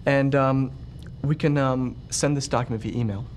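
A young man demonstrating software in an office, explaining step by step with hesitant fillers. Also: mid-range voice, fairly even intonation, normal speed, a little hiss or hum. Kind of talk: product demonstration. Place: indoor office.

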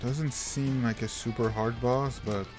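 A gaming channel host whose first language is French gives casual gameplay commentary over game music. He talks slowly in a steady, mid-range voice, rambling, poking fun at himself and frequently restarting his sentences.

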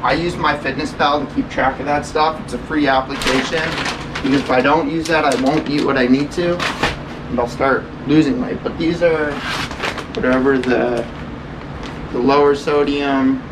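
With fairly even intonation and a moderate pace, a young man with a medium-pitched voice chats earnestly to the camera, rambling and filling his speech with fillers in a casual vlog. Background noise runs throughout as he moves from his kitchen to railroad tracks outdoors in the woods.

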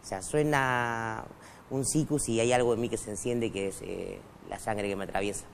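A middle-aged man from Argentina, raised in Bolivia and a native Quechua speaker, talks casually as a guest writer in a TV studio interview, using many fillers and restarts. His voice is lowish and steady with vocal fry, at normal speed, picked up on a lapel mic with slight background noise.

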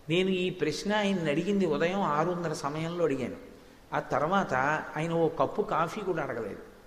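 Older man, devotional discourse, storytelling with Sanskrit verses, slightly high voice, long hall reverb. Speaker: religious discourse speaker. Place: stage in a large hall.

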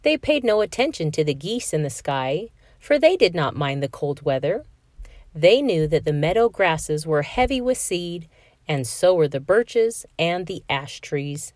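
A woman reading a children's picture book aloud in an expressive, sing-song storytelling manner. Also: sits low, unhurried, dry recording, studio quality.

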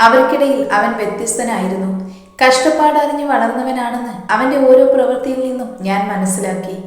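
A woman narrating a first-person story in a calm, measured way, her sentences softly trailing off. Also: fairly high pitch. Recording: echoey room with long reverb.

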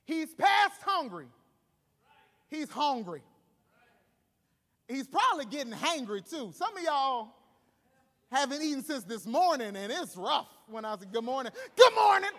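This pastor, a man in his thirties, addresses his congregation from a large auditorium stage with an extremely high, fairly bright and expressive voice at normal speed, pausing often. The sermon is animated, emphatic and conversational with funny asides, carried through a handheld mic and a reverberant PA.

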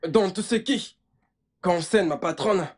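A man voicing a bumbling, excitable male house servant in a dubbed film, flustered and giggly by turns, given to loud wailing. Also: sits high, takes it slowly. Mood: boastful.

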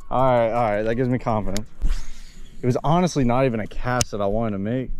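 A man's voice: medium pitch, fast, darkish tone, faint music behind. A young man fishing outdoors, talking in slangy casual chat and complaining dramatically. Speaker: competing angler. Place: outdoors by a pond.

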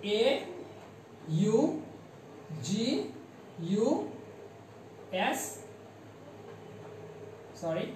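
A woman teacher from Bangladesh with a Bangladeshi English accent, giving a classroom pronunciation lesson and slowly repeating and spelling out words for drilling. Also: mid-range voice. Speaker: primary school teacher. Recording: very echoey room, distant mic, faint noise.

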